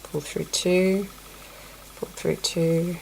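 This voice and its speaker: A woman sniffly with a cold draws out her words in a lowish, creaky voice with fairly even intonation while teaching crochet over close-ups of her hands. She counts stitches under her breath and apologizes in asides in this hands-on tutorial, recorded with poor audio and a little hiss or hum.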